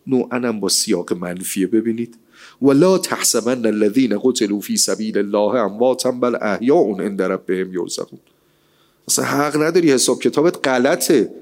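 Animated man preaching a colloquial sermon. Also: fairly low pitch. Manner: rhetorical, animated, quotes scripture. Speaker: religious speaker.

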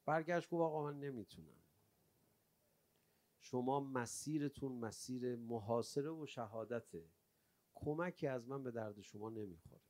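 A male preacher telling a religious story in a sermon, rising from quiet storytelling into loud, lamenting cries. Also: medium pitch, pauses often. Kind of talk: Shia mourning sermon.

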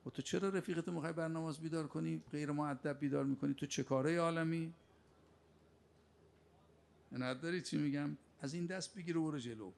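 Gravelly guy preaching, fires off rhetorical questions, scolding tone. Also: on the high side, steady tone. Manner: rebuking, with sharp rhetorical questions. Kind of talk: sermon.

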